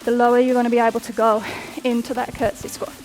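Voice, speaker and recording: Talking fast in a slightly high, somewhat mellow voice with little pitch movement, a young woman coaches a workout over faint music. This fitness instructor keeps it upbeat, counting down sets and describing reps, and gets breathless at points.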